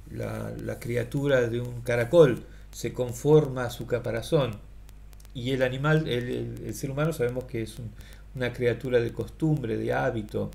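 A middle-aged man, thinking aloud in a halting, rambling monologue to a webcam in a small room. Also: mid-range voice, vocal fry, darkish tone. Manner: halting, many fillers and restarts, thinking aloud. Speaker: philosophical vlogger. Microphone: webcam at close range.

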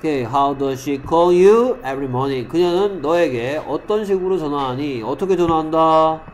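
A man with a slightly high voice leads an English grammar class, calling on students by name and drilling them. He reads English sentences slowly and clearly, then switches back to explain. Faint noise from the room can be heard behind him. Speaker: English teacher. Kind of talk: classroom lesson.

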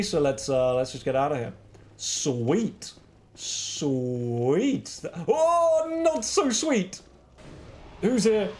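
A young man streaming a game live, laughing and shouting reactions at the enemies he fights. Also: high-pitched. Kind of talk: live gameplay commentary.

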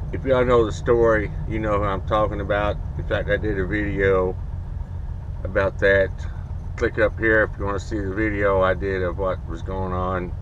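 A middle-aged man, talking earnestly to camera from his truck cab as a trucker vlog host, rambling with pauses. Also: fairly low pitch. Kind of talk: casual monologue to camera. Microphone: camera on the dashboard. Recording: dull lo-fi sound with faint engine hum.

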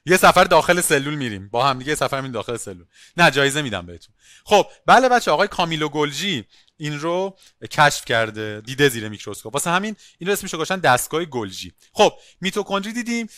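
Bright, lively male teacher. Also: a little high, no room sound, clean studio sound. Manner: lively, calls on students by name, asks questions. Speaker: biology teacher. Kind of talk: online class lecture.

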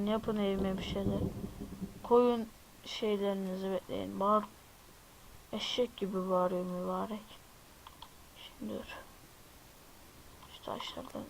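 A man's voice: high voice, a bit bright, slight background noise, rough recording. Jumpy young-sounding gaming host, man. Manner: chatty, jumpy, exclaims at surprises and addresses viewers. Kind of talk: casual let's-play commentary.

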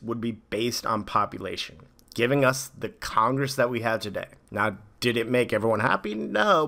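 A male teacher delivers a scripted lecture voice-over with a bright, forceful tone. He explains clearly and steadily, now and then turning to the students with a direct aside. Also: mid-range voice.

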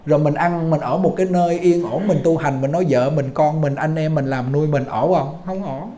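Higher-pitched monk in echoey hall. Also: male voice, a little fast, dark tone. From Vietnam. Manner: folksy storytelling with rhetorical questions. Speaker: Buddhist monk teacher. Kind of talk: Dharma talk to lay followers.

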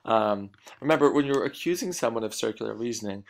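A man's voice: mid-range voice, lively intonation, fast talker, vocal fry. A man teaching a recorded lecture, explaining points and repeating the key ones.

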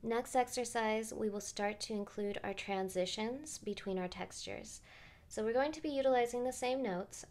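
A woman vocal coach calmly guiding singers through vocal exercises step by step, with short sung demonstrations. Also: medium pitch. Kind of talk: guided vocal exercise instruction.

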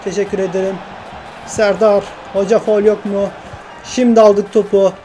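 Excitable high-voiced man playing football game. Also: normal speed, faint music behind. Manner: excitable, swears and grumbles at the game, commentates his own play. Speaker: gaming YouTuber. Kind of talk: football game career commentary.

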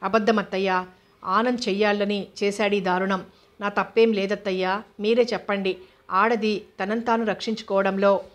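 A woman's voice: medium pitch, steady tone, moderate pace, natural voice. A woman voicing a frightened but defiant young wife in a storybook reading, scolding and pleading. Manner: pleading then fiercely scolding.

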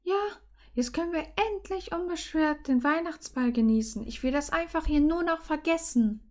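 A woman doing a high emotional heroine. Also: moderate pace, darkish tone, close to an everyday voice. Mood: relieved, tearful. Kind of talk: fan fiction reading.

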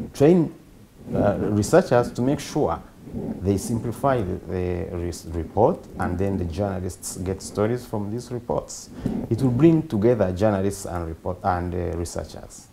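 A man from Uganda in his thirties, a journalist answering interview questions quickly and repeating himself. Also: deep voice, creaky, background noise.

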